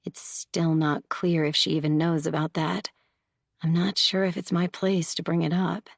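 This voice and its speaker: A woman reading a thriller audiobook as first-person narrator, in a measured, storytelling manner. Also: on the low side, little pitch movement, creaky, no room sound, studio quality.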